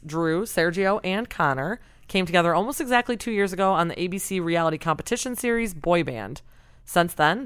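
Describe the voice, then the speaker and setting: A young adult woman co-hosting a music chart podcast, upbeat and quick to laugh as she interviews guests. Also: lowish voice, fairly bright tone, clean tone, no room sound. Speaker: podcast co-host. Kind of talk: casual chat and interviewing.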